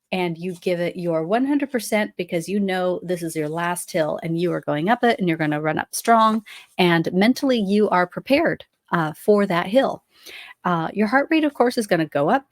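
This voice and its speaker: A woman hosts a solo podcast in a slightly low voice. She talks loosely and conversationally, trailing off into ums and small laughs as she goes. The recording is close and dry, with no room sound. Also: no echo. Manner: chatty, many ums and restarts, light laughs. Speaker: podcast host. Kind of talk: casual solo podcast explainer.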